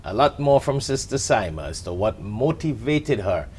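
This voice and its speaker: A man's voice: mid-range voice, sing-song, normal speed, darkish tone, breathy edge. An older man from Trinidad hosting a TV interview show, with a welcoming, formal manner. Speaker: show host.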